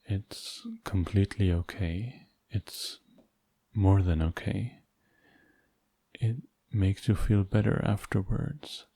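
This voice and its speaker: A man playing a tender, hurt, devoted boyfriend in an ASMR role-play, speaking in a soft, intimate, halting murmur to comfort a partner. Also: low voice, creaky, slightly rough, no echo, exaggerated voice. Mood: tender, vulnerable. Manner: slow, halting, gentle, intimate.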